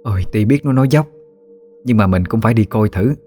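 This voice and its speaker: A man voicing a practical middle-aged village aunt who talks briskly in a Southern Vietnamese accent. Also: fairly low pitch, warm tone, faint music behind, natural voice. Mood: earnest. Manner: brisk, matter-of-fact.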